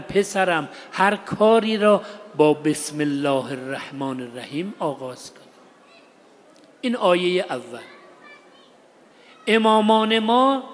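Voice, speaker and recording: A man giving an explanatory religious lesson in short, paused phrases. He asks his listeners rhetorical questions and recites Arabic phrases slowly. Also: high voice, a little hiss or hum. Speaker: religious teacher. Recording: long hall reverb.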